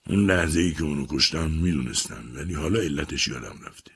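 A man voicing a troubled young army lieutenant who is withdrawn and bitter, speaking in a flat, curt, guarded way. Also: a bass voice, slightly rough, exaggerated voice.

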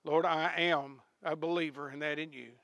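A man preaching a sermon, repeating questions to the congregation and ending in a hushed prayer. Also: a little high, fairly even intonation, normal speed, creaky, no room sound. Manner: rising to shouts of praise, then hushed prayer.

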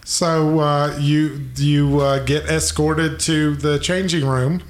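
A man narrating a tabletop game as game master, improvising in a halting, hesitant way. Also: a little high, level tone. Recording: roomy, with background noise.

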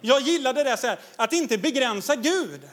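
A man's voice: extremely high pitch, animated, a bit bright. A man preaching a sermon as pastor, enthusiastic and exhorting, laughing often as he tells stories.

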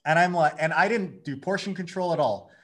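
A man in his thirties, a guest on a podcast, telling his story in a lively way and acting out his own inner dialogue. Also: fairly high pitch, a little fast. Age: 30s. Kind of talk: casual conversation.

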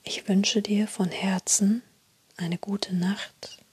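A woman guiding a sleep meditation in a soft, soothing, breathy spa-like whisper, unhurried. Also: mid-range voice, little pitch movement, no room sound. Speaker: guided meditation narrator.

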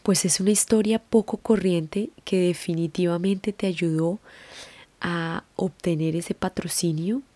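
A woman interviewer who asks questions and affirms the guest's answers in a measured way. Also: on the low side, fairly even intonation, dark tone, no echo.

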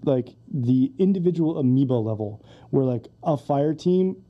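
A man's voice: mid-range voice, lively intonation, normal speed, lo-fi sound. A man co-hosting a podcast, chatting casually, swearing often and acting out quotes with laughs. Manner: profane, laughing, acts out quotes. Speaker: podcast co-host. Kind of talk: casual chat.

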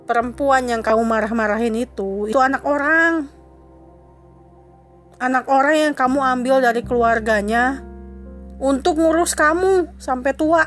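A woman with a high, bright-toned voice delivers a wounded, accusing monologue to her husband. She presses each grievance with indignant repetition. Soft music plays faintly behind her. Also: measured pace, pauses often. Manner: insistent repetition. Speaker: wife confronting her husband. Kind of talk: emotional dramatic monologue.

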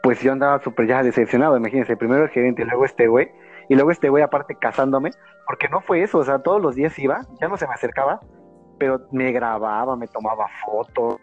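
A man's voice: mid-range voice, fast talker. Man, Mexican accent, casual storytelling, slangy and profane, muffled recording, faint music. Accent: Mexican Spanish. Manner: animated, slangy and profane, acts out quoted voices.

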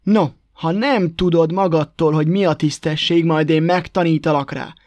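A man's voice: on the high side, steady tone, darkish tone, no room sound, lightly acted. A man voicing a prim, touchy male hare who speaks with stiff politeness and scolds. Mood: indignant.

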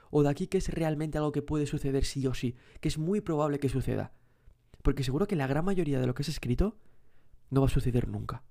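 A man's voice: medium pitch, vocal fry, warm tone. A man hosting a motivational self-help podcast, speaking straight to the listener with many rhetorical questions and repeated words for emphasis. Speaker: podcast host.

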